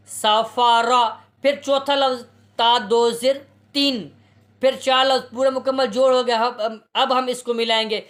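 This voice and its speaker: A man teaching a reading lesson, spelling letters and vowel marks out slowly and patiently, often asking a question and answering it himself. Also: extremely high pitch, a bit bright.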